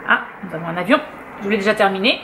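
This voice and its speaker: A woman's voice: mid-range voice, lively intonation, quick pace, background noise. A young French woman chatting casually as a book vlogger, full of fillers and restarts. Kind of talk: casual chat.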